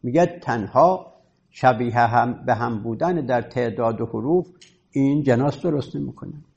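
A man teaching a class, patiently explaining a point and reading set text slowly. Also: mid-range voice, vocal fry, darkish tone, highs cut off. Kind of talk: classroom lecture on Arabic rhetoric.

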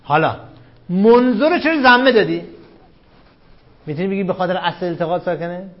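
Guy teaching a class, fairly high voice, keeps firing questions, muffled lo-fi sound. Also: expressive. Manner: questioning students, repeating rules, emphatic. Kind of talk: classroom lecture on Arabic grammar. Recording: dull lo-fi classroom recording.

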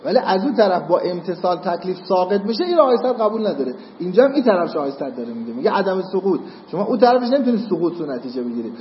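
A man's voice: high-pitched, slight background noise. A man teaching a seminary class on jurisprudence, explaining step by step and often checking that students follow. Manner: explanatory, checks understanding with "got it?". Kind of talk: lecturing on Islamic jurisprudence. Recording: echoey hall, muffled lo-fi sound.

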